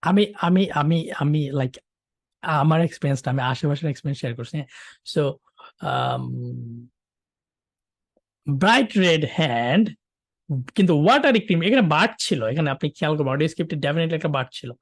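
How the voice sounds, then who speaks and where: A man's voice: on the high side, moderate pace, creaky, pauses often, no room sound, clean studio sound. Joking male teacher. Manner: joking, animated, keeps checking with listeners. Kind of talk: online exam-prep lesson.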